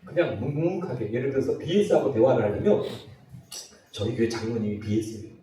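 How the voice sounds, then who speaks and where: A middle-aged man giving a humorous lecture, acting out dialogue in lively voices. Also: medium pitch, brisk. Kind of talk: humorous lecture on personality types. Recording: very echoey hall, voice from a distance.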